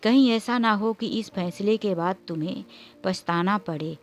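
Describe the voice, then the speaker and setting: Give me a gentle middle-aged mother coaxing calmly, read by a woman in a storybook. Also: medium pitch, normal speed, close to an everyday voice. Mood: soothing. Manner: calm, coaxing.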